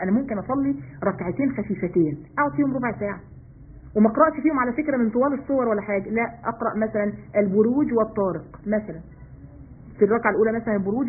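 A man's voice: sits high, a little hiss or hum. A man with an Egyptian accent giving a live-streamed religious lesson, asking questions and answering them himself. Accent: Egyptian Arabic. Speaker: religious teacher. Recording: tinny phone-like live stream audio.

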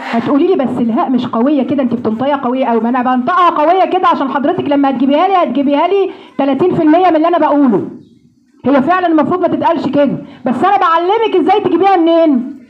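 High-voiced Egyptian woman teaching recitation. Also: lo-fi sound. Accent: Egyptian Arabic. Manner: playful, homely comparisons, slow drawn-out model sounds. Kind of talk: pronunciation lesson with drills.

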